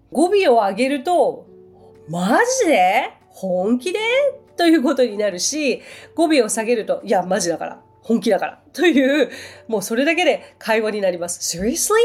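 A woman teaching English on her podcast in a friendly, chatty way, with many fillers. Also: fairly high pitch. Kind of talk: casual podcast lesson. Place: Tokyo.

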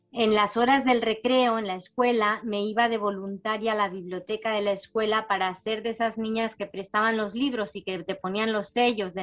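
A woman's voice: medium pitch, dull audio. A middle-aged Spanish-born woman raised in Panama, an author answering interview questions thoughtfully, her accent a mix of Latin American and Spanish. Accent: mixed Latin American and Spanish. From Spain, raised in Panama. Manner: warm storytelling, thoughtful, frequent tag questions. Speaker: writer, interview guest.

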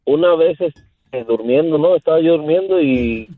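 A man's voice: fairly high pitch, normal speed, no echo. Man calling in over a tinny phone. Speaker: phone-in caller. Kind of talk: casual storytelling. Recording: tinny narrow phone line.

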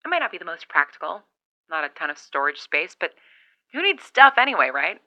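A woman's voice: on the low side, big pitch swings, brisk, sharp tone, dry recording, full character voice. A woman playing a lone survivor over walkie-talkie. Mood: musing. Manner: wry, rambling, thinking aloud. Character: lone woman survivor keeping a radio log. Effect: talking over a CB walkie-talkie radio. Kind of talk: audio drama monologue. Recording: dull lo-fi radio sound.

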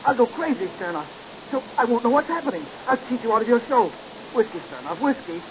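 An actor playing a desperate captive hero who pleads and shouts frantically in a 1930s radio drama. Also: male voice, very high voice, sing-song, quick pace, lo-fi sound. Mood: pleading. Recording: scratchy 1930s radio recording.

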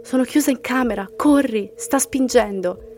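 A woman's voice: a little high, moderate pace, a little mellow, slight background noise, voice pushed up, lightly acted. A woman reading out a terrified young woman begging for help. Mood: frightened, pleading. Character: terrified young woman locked in her room.

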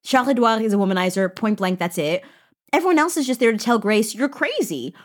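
Woman, podcast co-host, casual book chat, animated, salty language. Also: fairly high pitch, quick pace. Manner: animated, swears freely, acts out quotes.

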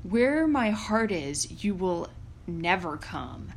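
A woman voicing a huge male giant from a fairy tale, blustering and gruff, with loud, drawn-out exclamations. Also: on the low side, sing-song, exaggerated voice. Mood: scolding.

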